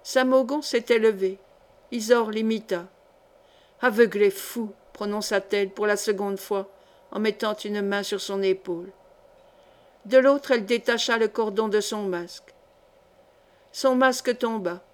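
A woman reading a historical novel aloud as an audiobook narrator, measured and expressive. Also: mid-range voice. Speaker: audiobook reader. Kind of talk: scripted narration.

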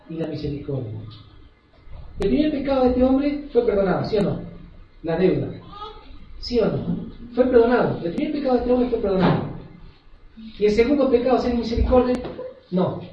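Hoarse preacher in an echoey hall. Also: male voice, high voice, slight background noise. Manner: emphatic, asks the congregation questions. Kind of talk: sermon. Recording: echoey hall from far off, dull and lo-fi.

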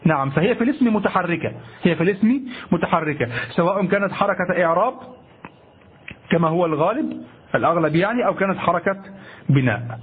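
A man teaching an Arabic grammar lesson to a class. He repeats key phrases slowly and checks in with his students as he goes. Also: high-pitched, animated, husky. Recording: muffled lo-fi lecture recording.

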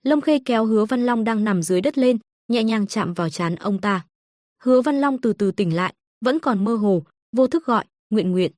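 A woman narrating a web novel audiobook with a steady storytelling delivery. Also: on the high side, normal speed, dry recording, clean studio sound. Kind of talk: reading a web novel aloud.

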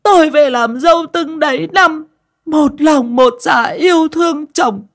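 A man voicing a scheming, sharp-tongued daughter-in-law in a storybook, mocking and whining. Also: sits high, measured pace, pitched above the performer's own voice.

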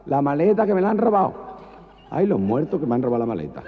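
A man voicing a flamboyant man who wails in a high, squealing voice about his stolen suitcase, told as a joke. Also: very animated, quick pace. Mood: wailing. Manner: high-pitched wailing and squealing. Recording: dull old cassette with long reverb.

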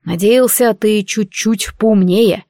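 A woman voicing a male necromancer lord who speaks quietly, in a smooth, insinuating and sarcastic way. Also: mid-range voice, takes it slowly, dry recording, studio quality. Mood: quietly mocking.

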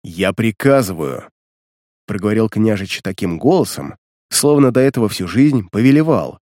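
A man narrating an audiobook with expressive storytelling. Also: fairly low pitch, fairly quick, no echo.

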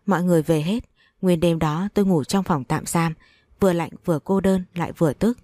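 Mellow-voiced woman narrating a story. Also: lowish voice, a little fast, dry recording, studio quality. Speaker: audiobook narrator. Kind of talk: scripted first-person story narration.

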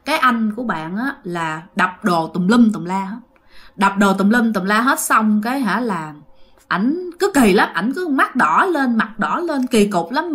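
A woman narrates a ghost story in a chatty, conversational way, speaking directly to her listeners. Her voice sits a little on the high side. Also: a bit bright.

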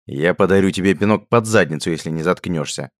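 A man voicing a gruff, irritated male hunter who snaps back at his friend. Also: sits low, fairly quick, no room sound, studio quality, lightly acted. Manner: gruff and snappish.

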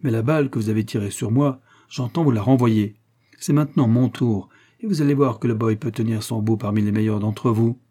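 A man reading the part of a daring, defiant young cowboy in an audiobook, with a husky, mellow voice. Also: medium pitch, fairly quick, natural voice.

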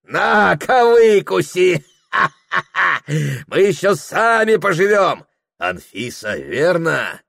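A man voicing a loud, reckless drunken merchant host who shouts and boasts at a feast. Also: on the low side, big pitch swings, extremely slow, creaky, husky, exaggerated voice. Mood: rowdy drunken.

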